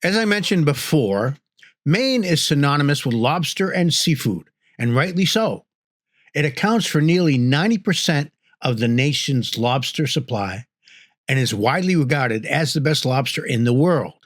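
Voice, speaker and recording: A man's voice: fairly high pitch, animated, normal speed, no room sound, studio quality. Man narrating a regional guide. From northern New England. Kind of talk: scripted narration.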